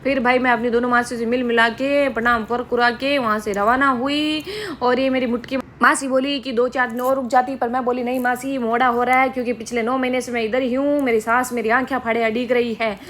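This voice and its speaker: A woman's voice: a little high, steady tone, a little fast, fairly bright tone, slight background noise. A young woman with a Rajasthani accent, narrating a casual vlog in a playful, joking way. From Rajasthan, India. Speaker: vlogger.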